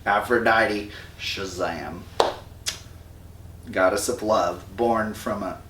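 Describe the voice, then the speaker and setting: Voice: sits low, fairly even intonation, takes it slowly, background noise. A storyteller retelling a myth while drinking, rambling and slangy. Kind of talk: drunken comic myth retelling. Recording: roomy echo, distant mic.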